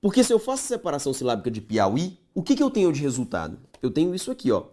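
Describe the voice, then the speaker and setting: A man's voice: a little high, wildly swooping pitch, fast talker, mellow. A man teaching a grammar lesson, stretching key words and checking in with the viewer.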